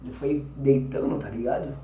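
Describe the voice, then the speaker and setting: A young man with a Brazilian Portuguese accent tells an intense personal story, rushing in agitated bursts and then slowing to hushed, trailing phrases full of fillers. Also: mid-range voice, fairly even intonation, lo-fi sound. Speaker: vlogger telling a personal experience. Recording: roomy, mic at a distance.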